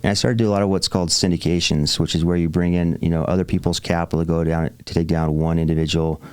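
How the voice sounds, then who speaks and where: Deep smooth-voiced man in his forties. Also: little pitch movement, quick pace, a little mellow, no room sound. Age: 40s. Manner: enthusiastic, upbeat storytelling with frequent fillers. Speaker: real estate investor guest. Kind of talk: podcast interview.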